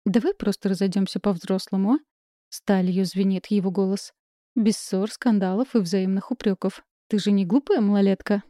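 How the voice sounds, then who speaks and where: Ледяной, властный молодой мужчина говорит коротко и жёстко, его читает женщина. Тембр тёмный и глухой. Запись сухая, без эха. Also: female voice, mid-range voice, fairly even intonation, moderate pace, dark tone, no echo, studio quality, lightly acted. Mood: cold. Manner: curt, icy, commanding. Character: cold, harsh young man breaking up.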